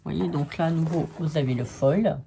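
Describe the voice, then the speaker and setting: A woman's voice: low voice, normal speed, gravelly, warm tone, a little hiss or hum. A woman casually showing scrapbooking papers to viewers, chatting and giving frank opinions on each sheet. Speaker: scrapbooking vlogger. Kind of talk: casual show-and-tell of paper pads.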